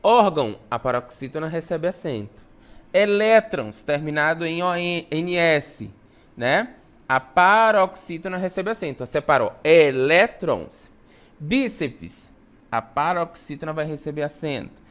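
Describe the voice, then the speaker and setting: A woman teacher with an Amazonas Brazilian accent and a slightly low voice. She explains rules patiently and drags out example words as she spells them. She keeps checking in with short tag questions. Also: expressive, normal speed. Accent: Amazonas Brazilian Portuguese. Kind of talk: classroom lesson on television.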